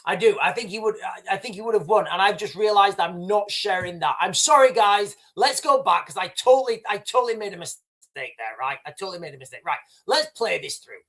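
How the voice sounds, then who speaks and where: This livestream host talks briskly in a high, expressive, slightly bright voice while commenting loosely on video clips. He calls viewers "guys" and rambles, restarting frequently and saying "right."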